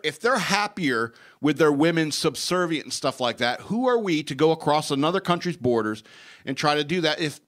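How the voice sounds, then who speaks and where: A man's voice: a little high, fairly bright tone. A man hosting a talk show, delivering a blunt, emphatic, opinionated news rant and repeating phrases for effect.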